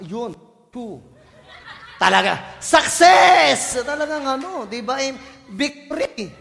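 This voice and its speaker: A male pastor from the Philippines, preaching a lively sermon full of jokes and playful voices. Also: extremely high pitch. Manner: animated, joking, playful voices and shouts, mixes English in. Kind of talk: lively sermon with comic asides. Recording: church hall reverb.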